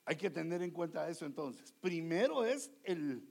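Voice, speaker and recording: A man's voice: a little high, moderate pace, creaky. A man preaching a sermon, acting out everyday scenes with quoted voices. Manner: animated, acts out quoted voices and dialogues.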